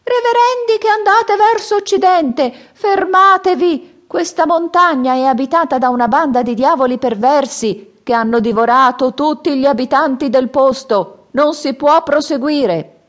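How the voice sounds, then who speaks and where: Woman doing a creaky-old-guy voice, high and stretched out, storybook elder. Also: normal speed, hardly any pauses, natural voice. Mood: alarmed. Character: old man with a staff, warning and boastful.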